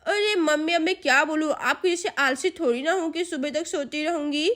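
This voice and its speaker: A bratty, sulky young girl with a very high voice, snapping and grumbling at everyone, as a woman puts her on in a children's doll story. Her tone stays cross and bossy. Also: normal speed, a bit bright. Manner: snappy and complaining.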